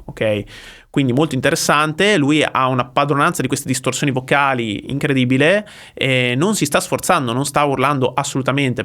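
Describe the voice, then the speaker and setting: A man vocal coach talking through a song, explaining technique with frequent pauses and checks for understanding. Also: mid-range voice, a bit bright. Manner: explanatory, often pausing with "eh" and checking with "ok?". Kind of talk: music reaction and vocal analysis.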